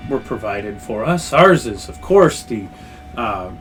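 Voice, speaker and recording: A man voicing a courtly, sly dragon noble in a tabletop game, with slow, theatrical, drawn-out phrasing. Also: fairly low pitch, sing-song, fairly bright tone, faint music behind, voice pushed down, exaggerated voice. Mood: proud, savoring. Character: courtly, sly old dragon noble, savoring every word. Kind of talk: tabletop role-play.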